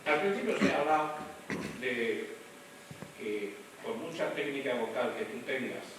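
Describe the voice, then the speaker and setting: A man teaching a voice class, lively and demonstrative, speaking straight to his students. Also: mid-range voice, measured pace. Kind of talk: classroom lecture. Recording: echoey room, mic from far off, noisy.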